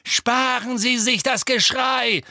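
A man's voice: extremely high pitch, steady tone, takes it slowly, gravelly, bright, forceful tone, no echo, studio quality, pitched above the performer's own voice, full character voice. A man voicing a defiant teenage boy who calls out through pain, in an audiobook.

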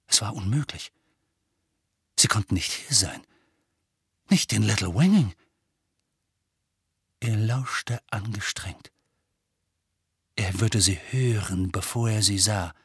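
A man narrating an audiobook in an expressive, suspenseful style, slowing down at tense moments. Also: mid-range voice, breathy edge, dry recording, studio quality. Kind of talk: dramatic scripted narration.

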